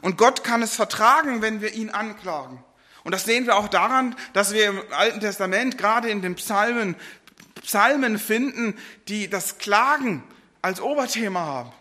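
A middle-aged man preaching a sermon, earnest, rising for quoted laments and dropping low and soft between. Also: expressive, normal speed.

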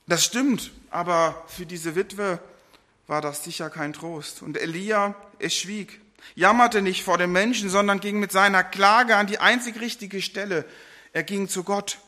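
Male preacher, middle-aged, earnest sermon delivery, high-pitched and bright. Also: fairly even intonation, measured pace. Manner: earnest, rises for quoted laments then drops low and soft.

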